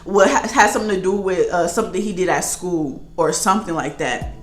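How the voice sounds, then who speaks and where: A young woman vlogger telling a casual storytime, animated and slangy, often laughing. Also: lowish voice, fairly quick. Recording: roomy echo with faint music.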